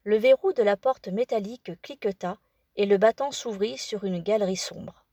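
A woman narrating an audiobook in a measured, calm storytelling manner. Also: mid-range voice, dry recording, studio quality.

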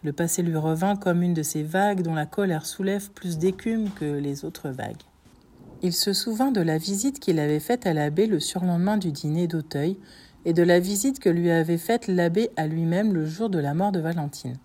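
A woman narrating a classic novel in steady, dramatic storytelling. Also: on the low side, moderate pace. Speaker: audiobook narrator. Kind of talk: scripted narration.

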